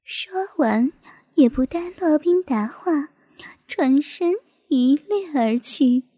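Storybook narrator, woman, very high voice, hushed half-whisper, slow. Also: no room sound.

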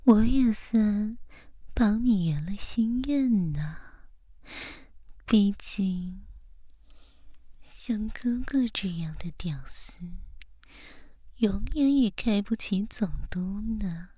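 A woman acts out a teasing, domineering seductress in an audio ASMR role-play. She speaks extremely slowly and breathily, right up against the ear, with a soft, dark tone and a dry, close sound. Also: mid-range voice, animated, no room sound. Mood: mocking, teasing. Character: teasing, domineering adult seductress addressing a listener.

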